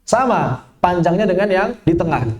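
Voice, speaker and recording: A man teaching Quran recitation, patiently demonstrating sounds slowly and singing examples. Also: high voice, animated, darkish tone. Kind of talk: tajwid lesson with recited examples. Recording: echoey room.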